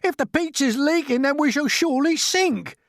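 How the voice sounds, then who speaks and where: A storyteller voicing a gloomy, fearful blind male earthworm in a high, shrill voice. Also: sing-song, takes it slowly, fairly bright tone, no echo, studio quality, exaggerated voice. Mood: dismayed.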